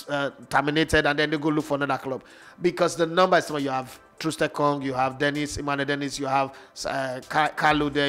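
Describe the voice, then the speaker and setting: A man's voice: fairly high pitch, a bit bright. A man giving blunt, emphatic opinions as a football pundit. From Nigeria. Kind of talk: opinionated sports talk.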